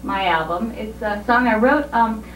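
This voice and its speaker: A woman in her thirties from Hawaii, a singer-songwriter guest on an interview show, slow and soft-spoken with frequent fillers. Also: fairly high pitch, distant mic. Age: 30s. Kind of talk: casual interview, then singing. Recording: echoey, phone-like sound with loud guitar.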